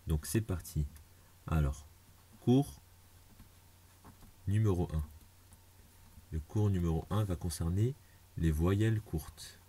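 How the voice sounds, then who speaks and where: A man's voice: sits low, dark tone, husky. A man teaching a beginners' language lesson, patiently walking through each step and repeating it plainly. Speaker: Arabic teacher.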